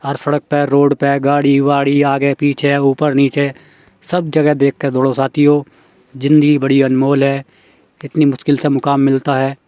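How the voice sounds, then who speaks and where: A man's voice: medium pitch, a little mellow, clear, resonant tone, no echo. A young man reading out a news story and earnestly pleading with his viewers, with many "right?" and "friends" asides. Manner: earnest, pleading, repeats "है ना" and "साथियों". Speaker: exam-prep YouTuber addressing aspirants. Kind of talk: casual talk reading out a news report.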